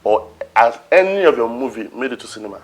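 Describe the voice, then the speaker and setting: Deadpan Nigerian male interviewer. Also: mid-range voice, quick pace, noisy background. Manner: deadpan, provoking questions. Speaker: interview host. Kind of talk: sarcastic roast interview.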